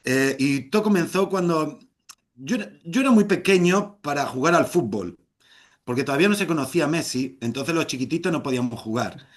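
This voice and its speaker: A middle-aged man spins a comic tale for a live audience, his voice sitting high for a man. He tells it playfully and bursts into theatrical shouted exclamations. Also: expressive, brisk. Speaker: storyteller. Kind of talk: live oral storytelling.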